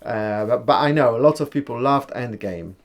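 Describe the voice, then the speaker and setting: A Polish man hosts a casual livestream, reading viewers' comments aloud and answering them in a relaxed, chatty way with blunt opinions. His voice sits in the mid range, and he talks at a normal speed.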